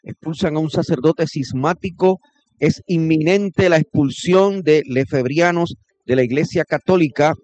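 A man reads news headlines on the radio in a brisk, clipped way. His voice sits somewhat high for a man. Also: darkish tone.

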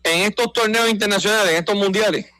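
Higher-voiced man discussing baseball. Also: fast talker, sharp tone, dry recording, soft background music, poor audio. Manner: informed, explanatory, emphatic. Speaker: baseball radio commentator. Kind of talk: casual sports talk.

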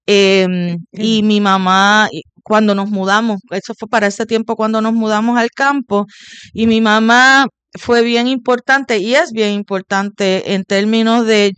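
A woman's voice: mid-range voice, steady tone, measured pace, fairly bright tone, smooth, dry recording. A woman, a guest in an interview, earnestly recounting memories with small hesitations. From Puerto Rico. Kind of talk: conversational interview.

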